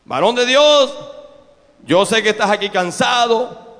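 Preacher doing a crafty old lying prophet: coaxing, persuasive, raised pitch, church reverb. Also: male voice, lively intonation, measured pace, fairly bright tone, exaggerated voice.

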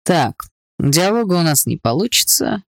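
A man's voice: fairly high pitch, sing-song, normal speed, no room sound, studio quality. A man playing a silky, cruel stepfather villain. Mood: cold menace. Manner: mock-gentle, fatherly menace. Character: smooth cruel middle-aged stepfather villain.

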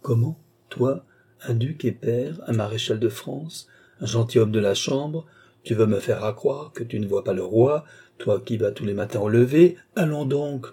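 A man's voice: mid-range voice, normal speed, warm tone, husky. A man voicing a petulant, anxious old baron who presses a friend with urgent questions. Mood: pressing. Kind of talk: audiobook character reading.

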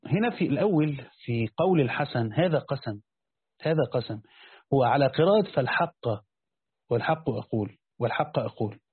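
Husky fast-talking Egyptian sheikh, tinny sound. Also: male voice, mid-range voice, animated, no room sound. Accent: Egyptian Arabic. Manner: explains by asking and answering his own questions. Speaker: sheikh teaching a Quran commentary. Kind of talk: reading a text aloud and explaining it. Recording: tinny phone-like lo-fi recording.

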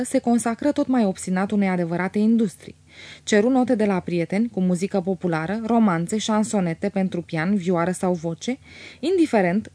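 A woman narrating a literary audiobook in a measured, expressive way. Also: medium pitch, dry recording.

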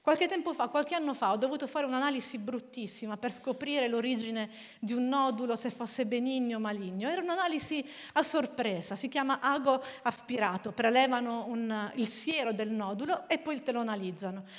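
A woman delivers a sermon in a high, bright voice. She tells stories in an animated way and often laughs along the way. Her voice rings out with a long reverb through a church hall. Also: fairly quick. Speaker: preacher.

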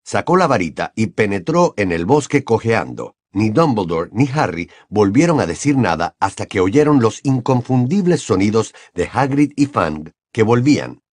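A man's voice: fairly low pitch, moderate pace, few pauses, dry recording, clean studio sound. A man narrating an audiobook expressively. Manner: expressive storytelling.

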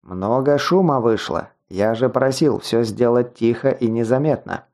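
A shifty fish-headed creature, nervous and quick to make excuses. A man reads him in a dark, mellow voice. His talk turns whiny and defensive. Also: medium pitch, close to an everyday voice. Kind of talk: audiobook character voice.

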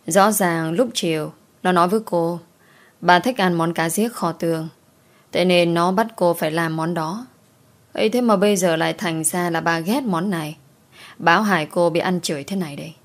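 A woman narrating a scripted story in a steady, expressive way. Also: lowish voice.

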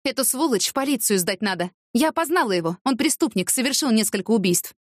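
A woman's voice: fairly high pitch, expressive, fast, no echo. Lady doing an anxious young heroine, exclaiming, voice bouncing up and down, dry sound. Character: excitable young woman in trouble.

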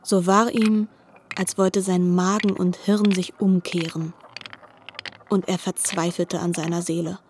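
A woman narrating a literary radio drama in a soft, often half-whispered voice. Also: fairly low pitch, little pitch movement, unhurried, a little hiss or hum.

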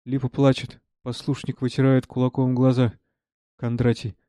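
Man reading stage directions, quiet and subdued, mellow dark tone, dry close sound. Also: completely flat delivery, normal speed, no room sound. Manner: quiet, low, subdued delivery. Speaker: reader of a play.

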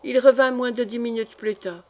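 A woman narrating a science-fiction story as an audiobook reader, in a measured, dramatic way. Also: a little high, steady tone, mellow.

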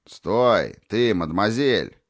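A man voicing a coarse armed guard shouting orders, in an audiobook. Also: on the low side, expressive, takes it slowly, no echo, full character voice. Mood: menacing. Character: rough male armed guard, brutal.

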